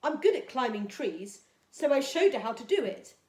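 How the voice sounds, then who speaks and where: A woman's voice: on the high side, very animated, normal speed, darkish tone. A woman voicing a lonely, polite, timid little boy from a storybook in an earnest childlike manner. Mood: shyly excited. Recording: echoey, roomy sound.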